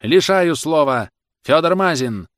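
Old judge, male, shrill and thin, barking orders, read by a male narrator in a dry booth. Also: very animated, moderate pace, dry recording, close to an everyday voice. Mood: shrill, stern.

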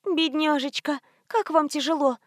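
A chatty young nurse lifts her voice high and sweet, eager to please, played by a woman narrating a storybook. The sound is dry and close. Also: animated, moderate pace, no room sound.

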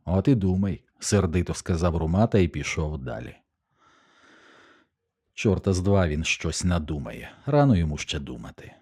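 A man narrating an audiobook in a measured, steady storytelling manner. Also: a bass voice, breathy edge. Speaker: audiobook reader.

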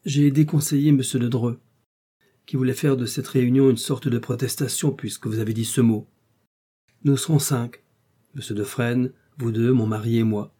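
A man's voice: mid-range voice, fairly even intonation, moderate pace, dark tone, slightly rough, close to an everyday voice. A man voicing a proud defiant young wife. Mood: guarded. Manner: clipped, defiant.

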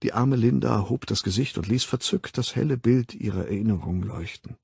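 Husky male audiobook narrator. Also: on the low side, normal speed, a little mellow, dry recording, studio quality. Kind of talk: scripted literary narration.

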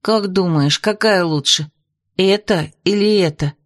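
A woman's voice: mid-range voice, unhurried, dry recording, close to an everyday voice. A woman voicing an indignant, fussy young tsar's daughter in an audiobook, in a voice close to her own.

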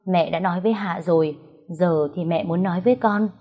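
A woman voicing a gravely ill mother who speaks slowly and tenderly, stern when crossed. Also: lowish voice, lo-fi sound. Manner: slow, tender pleading, turning harsh in anger.

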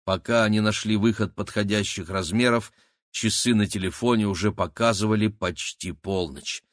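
A man reading an adventure audiobook aloud in a steady, measured narrating style. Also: lowish voice, no echo, clean studio sound. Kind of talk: scripted narration.

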